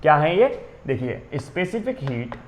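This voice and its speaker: A man with an Indian accent teaching a physics coaching class at a board. He stops often to ask "है ना?" and reads definitions out slowly, word by word. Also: on the high side, sing-song, a little hiss or hum. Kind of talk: exam coaching lecture at a board.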